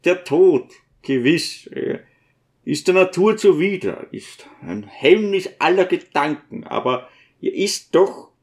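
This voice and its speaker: A man putting on a gentle old priest, high and mild. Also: expressive, slow, exaggerated voice. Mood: reasoning. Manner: soothing, earnest, coaxing questions.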